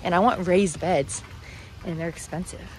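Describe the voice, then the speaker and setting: Woman vlogger, gushing casual chat, lowish voice, loud background noise on handheld camera. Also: steady tone, moderate pace. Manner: chatty, gushing. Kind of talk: casual vlog narration. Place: outdoors and indoors touring a house. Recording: noisy handheld camera audio.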